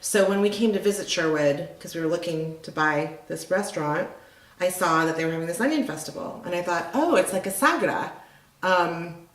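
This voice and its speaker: A woman's voice: fairly low pitch, steady tone, fairly quick, reverberant, rough recording. A middle-aged woman who owns a restaurant, talking casually in an interview, rambling and chatty with lots of fillers. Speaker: restaurant owner.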